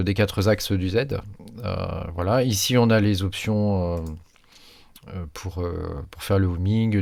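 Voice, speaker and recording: A man's voice: fairly low pitch, a little mellow, no room sound. A French-speaking man hosting his own channel, talking casually through a screen demo with lots of hesitations and restarts. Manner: halting, many fillers and restarts. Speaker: maker channel host.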